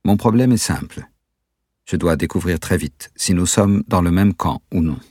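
A paranoid young stranger from a storybook reading, guarded and tense, weighing each word, as a male narrator puts him on. the voice sits very low, husky and dry. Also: expressive, moderate pace, a little mellow, no echo. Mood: urgent. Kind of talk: audiobook character voice.

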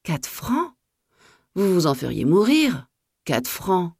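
A reader voicing a stingy older peasant woman who speaks in a sharp, indignant tone. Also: mid-range voice, wildly swooping pitch, takes it slowly, gravelly, breathy edge, dry recording, studio quality, pitched above the performer's own voice, full character voice.

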